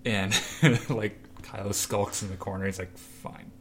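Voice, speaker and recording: Man co-host, low voice, animated storyteller, faint room hum behind. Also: moderate pace. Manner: animated storyteller, acts out quoted lines. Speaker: podcast co-host. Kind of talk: casual chat retelling a comic.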